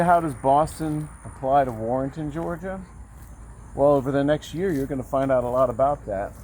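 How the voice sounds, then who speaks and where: A man's voice: medium pitch, darkish tone, slight background noise, low-quality recording. A man presenting and explaining to viewers in a folksy, direct way with rhetorical questions, speaking outdoors. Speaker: presenter of a local information show. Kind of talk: semi-scripted explanatory presentation. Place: outdoors at an open field.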